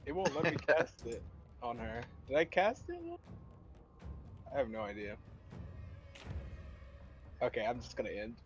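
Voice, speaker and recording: A man's voice: mid-range voice, expressive, a little slow, long pauses, lo-fi sound, soft background music. A man playing a co-op game, often flustered and unsure what is happening. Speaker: player in multiplayer game. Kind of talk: casual gaming chat.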